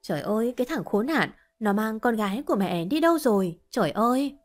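A woman's voice: on the high side, animated, fairly quick, faint music behind, close to an everyday voice. A woman voicing a desperate, grieving older mother who pleads through sobs. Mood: wailing. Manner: sobbing, pleading.

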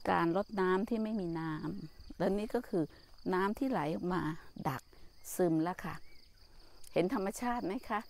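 An older woman walks outdoors among trees and teaches in a gentle, motherly way. She calls her listeners "child" as she speaks. Insects chirp faintly behind her. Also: mid-range voice. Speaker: Buddhist nun and teacher. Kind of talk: walking talk on nature and mindfulness.

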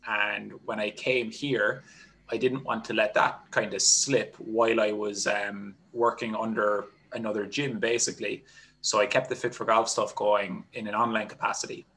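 This Irish man in his thirties, a golf strength and conditioning coach, explains his work steadily over a headset on a video call from a small home room. His voice is fairly low and his pace moderate, with lots of "kind of" fillers, and the recording quality is low.

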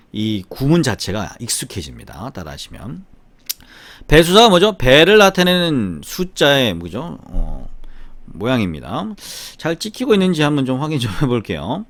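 Lively Korean man teaching grammar. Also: medium pitch, normal speed, no room sound. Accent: slight Gyeongsang Korean, mostly Seoul-like. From Gyeongsang, South Korea. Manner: lively, chatty, often asks "right?". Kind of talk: grammar lesson with repeat-after-me drills.

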